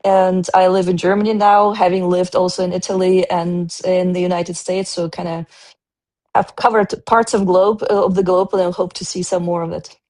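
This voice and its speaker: A woman's voice: lowish voice, level tone, moderate pace, a little mellow. A woman from Siberia, an independent coach introducing herself over a video call with small restarts. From Russia (Siberia).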